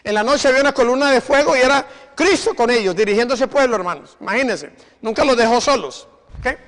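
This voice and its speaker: A man's voice: very high voice, animated, fast, fairly bright tone. A male preacher giving a sermon, exhorting his congregation and firing rhetorical questions at them. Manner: exhorting, repeats "imagine". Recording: long reverb of a hall.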